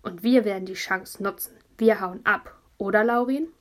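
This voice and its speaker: A woman's voice: medium pitch, moderate pace, close to an everyday voice. A woman reading an audiobook, voicing a bold young boy who makes grand, defiant declarations.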